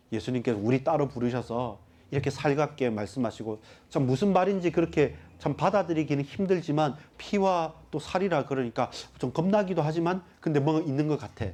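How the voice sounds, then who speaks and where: Pastor guy preaching, voice swings up and down a lot, warm and mellow. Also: on the high side. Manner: animated preaching, addressing the congregation directly. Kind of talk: sermon.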